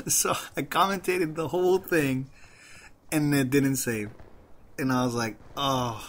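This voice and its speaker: A gaming commentator with a light Mexican Spanish accent rambles through casual gameplay commentary, self-deprecating and laughing at himself, with frequent restarts. His mid-range, slightly bright voice is slow, with slight background noise.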